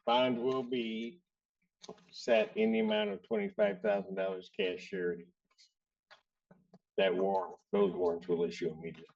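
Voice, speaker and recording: A man presiding as a judge, running formal court proceedings in a brisk, blunt, procedural way, heard on a courtroom recording. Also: high-pitched, big pitch swings, vocal fry, a little mellow. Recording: distant, dull courtroom recording.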